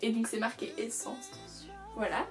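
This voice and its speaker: A woman's voice: fairly high pitch, expressive, moderate pace, a little mellow. A young woman chatting casually through a shopping haul, rambling with many fillers and restarts. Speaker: beauty vlogger. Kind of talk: casual haul video chat. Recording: distant from the mic, music behind. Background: music.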